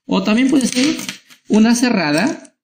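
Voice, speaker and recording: Guy teaching little kids, gravelly voice, slow, keeps asking "right?" after everything. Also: very high-pitched, sing-song, a little mellow, slight background noise. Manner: checks in constantly with short tag questions; spells out words slowly, syllable by syllable. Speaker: schoolteacher. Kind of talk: online lesson for young children.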